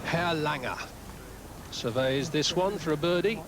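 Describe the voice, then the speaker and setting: A man's voice: on the high side, a little slow, crowd noise. A man giving live commentary on a golf tournament as a broadcast commentator. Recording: noisy outdoor sports broadcast.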